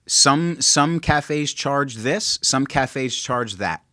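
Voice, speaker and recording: A man's voice: mid-range voice, expressive, drawn-out words, sharp tone, no room sound, clean studio sound. A man co-hosting a podcast in casual chat, making his points with emphatic repetition. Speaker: podcast co-host.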